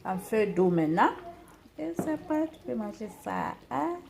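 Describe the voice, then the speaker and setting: A woman's voice: mid-range voice, big pitch swings, unhurried, creaky, darkish tone, a little hiss or hum. A tired woman vlogging casually while she cooks, chatting playfully to her viewers. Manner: playful, talks to viewers and herself while cooking. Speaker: cooking vlogger. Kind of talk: casual vlog chat, switching between languages.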